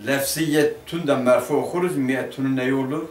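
A man's voice: mid-range voice, fairly even intonation, moderate pace. A man teaching a grammar lesson, asking the class questions and then answering them himself. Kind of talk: Turkish madrasa lesson explaining a grammar text. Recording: roomy classroom picked up from a distance.

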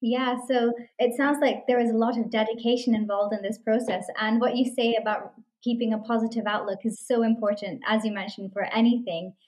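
A young woman, a student interviewer, asking questions politely and in a measured way. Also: on the high side, flat delivery, a little mellow. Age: young adult.

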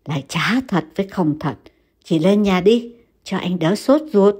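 Woman doing a calm reassuring young man. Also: measured pace, husky. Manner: steady, reassuring, a bit lower.

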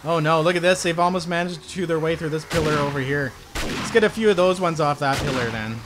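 A man with a high, keyed-up voice gives excited commentary over a video game. He keeps exclaiming and talks straight to his viewers. Loud gunfire and game noise run clearly under his voice. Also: quick pace. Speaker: gaming video host.

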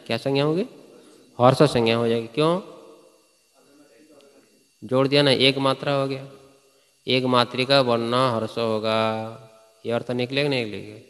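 A male teacher with a medium-pitched, slightly bright voice lectures in Hindi on Sanskrit grammar. He recites sutras before explaining them simply, often pausing to ask students whether they're following, and his voice echoes with a long reverb as if in a large hall.

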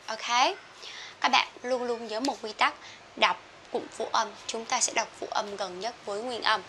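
A young Vietnamese woman teaching English pronunciation, saying each word slowly twice and then explaining. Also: medium pitch, pushed and bright, a little hiss or hum. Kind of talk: pronunciation drill lesson.

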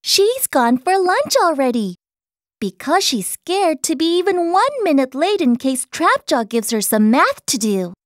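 Woman doing a cheeky high-voiced schoolboy. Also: sing-song, unhurried, dry recording, studio quality. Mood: teasing. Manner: bright, high boyish voice. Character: cheeky young schoolboy, bold and teasing. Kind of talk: storybook character voice.

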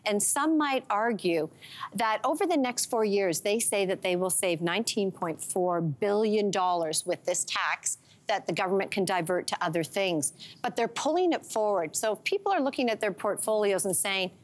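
A woman's voice: mid-range voice, lively intonation. A middle-aged woman, a financial commentator explaining tax rules with worked dollar examples on a studio talk show, on a lapel mic. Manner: brisk explainer walking through dollar examples.

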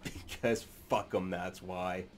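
Talking slowly in a low voice with fairly even intonation, a thirtysomething sci-fi channel host offers sarcastic, crude, mock-serious commentary to his webcam from a small room. A little hiss or hum runs under the audio.

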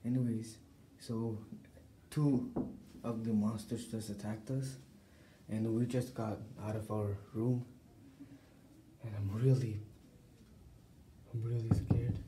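A young man hosting a night vlog in a nervous, hushed voice. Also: fairly low pitch, little pitch movement, takes it slowly, long pauses. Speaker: vlog host. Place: small hotel room and entryway, indoors. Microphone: handheld phone camera. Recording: echoey hotel room, noisy handheld recording.

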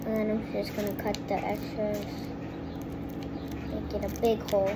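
A girl vlogger chats to camera at her home kitchen table by a window, rambling and often restarting, recorded with a phone propped on the table. The female voice is medium-pitched and completely flat at a moderate pace, and the audio is very noisy.

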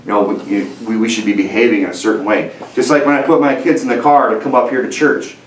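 Standing at a lectern and gesturing with both hands, a thirty-something man delivers an earnest, conversational sermon full of restarts and "you know"s. He talks fast at a medium pitch with fairly even intonation. The audio comes from a distance in a medium-sized indoor sanctuary, sounding roomy with slight background noise.

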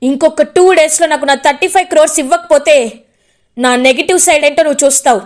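A woman's voice: high-pitched, fast, close to an everyday voice. A woman voicing an angry male businessman who threatens and demands money, in a retold television serial. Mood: threatening. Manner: shouting threats.

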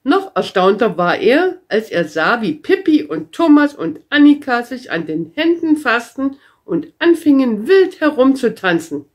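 Slow, expressive woman reading aloud. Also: high voice. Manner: gentle, expressive storytelling. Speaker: storyteller reading to children. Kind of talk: children's book read-aloud.

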